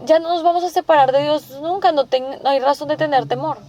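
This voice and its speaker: In a brisk, mellow voice pitched notably high, a woman delivers a sermon on a muffled recording. She poses rhetorical questions to her listeners again and again and repeats every point several times before going on.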